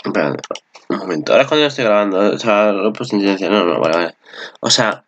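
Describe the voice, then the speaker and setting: A man's voice: on the low side, very fast, lo-fi sound, background noise. Swearing Spanish man reacting to anime. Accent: Spain Spanish. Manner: rambling, excitable, swears often. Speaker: anime commentator. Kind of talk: casual reaction commentary.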